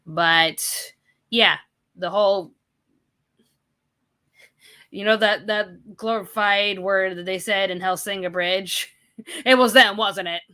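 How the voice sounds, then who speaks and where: A woman's voice: medium pitch, bright, forceful tone. A woman in her thirties hosting a casual live-stream chat, reading viewer questions and ranting with bursts of exasperated emphasis.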